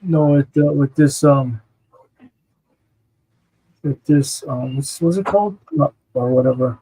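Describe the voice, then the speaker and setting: Higher-voiced man, rambling casual chat. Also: slow pace, warm tone, breathy edge, low-quality recording. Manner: rambling, many fillers, often says "you know what I mean". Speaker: co-host and illustrator. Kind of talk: casual chat while streaming art.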